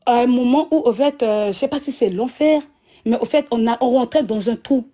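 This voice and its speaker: A woman's voice: a little high, moderate pace, dark tone. A woman telling a personal religious testimony, repeating herself and restarting often with many fillers. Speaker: guest giving a religious testimony.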